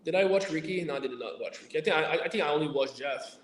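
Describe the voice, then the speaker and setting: A man being interviewed as an athlete guest, talking haltingly with many fillers, restarts and uneven grammar. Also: on the high side, expressive, slight background noise. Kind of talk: remote interview chat. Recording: echoey room, far from mic.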